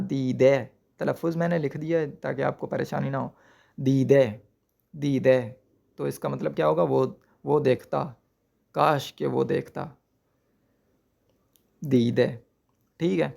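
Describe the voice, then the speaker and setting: A man's voice: on the high side, gravelly, a little mellow. A man teaching Persian grammar patiently, repeating each word and asking rhetorical questions. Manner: checks understanding with rhetorical questions. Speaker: language teacher.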